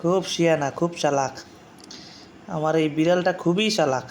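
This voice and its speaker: A man, coaxing his cat softly and playfully while talking to viewers in a casual vlog. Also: on the high side, moderate pace, slight background noise. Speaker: vlogger. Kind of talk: casual talk to a pet and to viewers.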